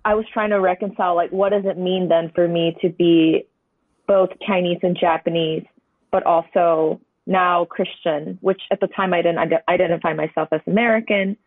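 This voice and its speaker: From Hong Kong and in their twenties, a painter whose first language is Cantonese talks at a moderate pace in a steady, mid-range voice. The recording is a conversational podcast interview over a tinny, dry phone line. Reflective and meandering, the guest sprinkles in many hedging asides.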